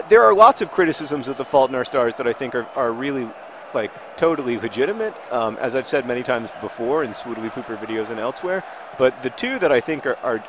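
A man in his thirties talks over a football video game in a loose, rambling way, restarting sentences and trailing off. Now and then he breaks into loud, excited play-by-play. A faint noise sits under the recording. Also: mid-range voice. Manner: rambling, self-interrupting, bursts into excited play-by-play shouting. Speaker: gaming video host.

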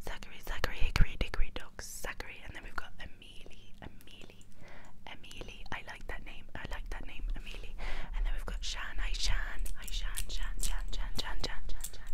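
A woman hosting ASMR in a breathy, fast, chaotic whisper, playfully rambling and repeating words over and over. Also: fairly high pitch. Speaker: ASMR video host.

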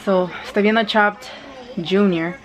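A woman's voice: mid-range voice, steady tone, slow pace. Thirties woman, Mexican accent, chatty home vlogger, laughs a lot, slips in English. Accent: Mexican Spanish. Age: 30s. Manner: chatty, mixes English phrases, laughs often. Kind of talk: casual vlog chat. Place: home kitchen while cooking.

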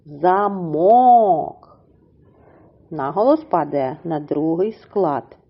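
A woman teacher leads a slow, careful reading lesson and breaks words into syllables. Her voice is husky and slightly low, and it swings widely in pitch. The recording sounds dull and lo-fi. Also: big pitch swings. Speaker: primary school teacher.

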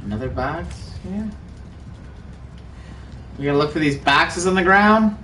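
A New man cracks jokes and narrates his loot as he plays, his voice on the higher side. He sits back from the mic in an echoey room with faint noise. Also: expressive, measured pace, pushed and bright, far from the mic. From New York. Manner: joking, playful, narrates what he finds. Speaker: gaming host. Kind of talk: casual gameplay commentary.

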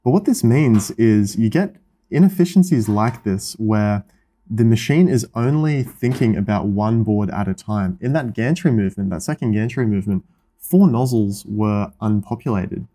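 A man's voice: on the low side, expressive, moderate pace, mellow. A young man with an Australian accent hosting a casual vlog in an indoor workshop, explaining electronics assembly with enthusiasm. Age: young adult. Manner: enthusiastic, explanatory, counting things out. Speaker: host.

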